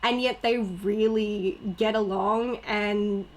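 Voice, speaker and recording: A young woman co-hosting a casual film podcast, animated, laughing often and acting out lines. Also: medium pitch, slow pace. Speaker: podcast co-host. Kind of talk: casual movie chat.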